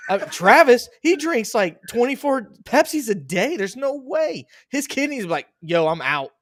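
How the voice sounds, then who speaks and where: A man hosting a casual racing chat podcast, joking and animated. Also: very high voice, normal speed, a little hiss or hum. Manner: joking, animated, laughs at own bits. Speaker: podcast host.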